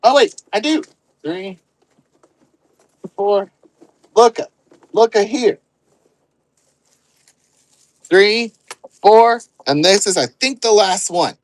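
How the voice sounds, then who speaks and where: A man's voice: high-pitched, animated, slow pace, long pauses, dry recording, rough recording. A man hosting an online live sale, rambling and joking as he counts out items aloud. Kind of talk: casual live-selling chatter.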